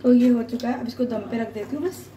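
Vlogger woman, high voice, playfully dramatic, home kitchen. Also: fast talker, a crowd in the background. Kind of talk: casual home cooking vlog. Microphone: phone camera.

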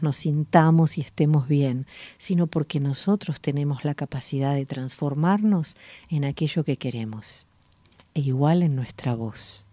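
A woman with a Rioplatense Spanish accent, hosting a radio voice lesson in a calm, slow, guiding way. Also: deep voice, no echo. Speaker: voice coach and radio host. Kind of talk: gentle voice-coaching lesson. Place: radio studio.

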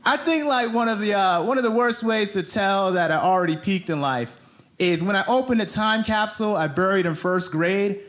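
An American stand-up in his thirties, hailing from New Jersey, performs a talky routine for a theater audience, holding his mic as the crowd murmurs in the live recording. His voice is high-pitched and fairly bright, and he pauses for effect and acts out what people said.

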